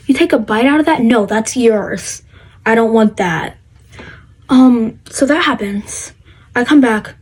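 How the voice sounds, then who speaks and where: Teen girl vlogging her life story, high husky voice, lots of ums and likes. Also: darkish tone, rough recording. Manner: rambling with many fillers and restarts. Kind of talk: casual storytelling to camera.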